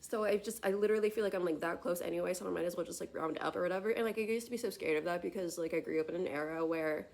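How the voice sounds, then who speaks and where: A woman in her late twenties races through a rambling solo vlog on her tablet camera with few pauses, her lowish, slightly mellow voice full of vocal fry. She veers off on tangents and constantly says "like" and "you know what I mean."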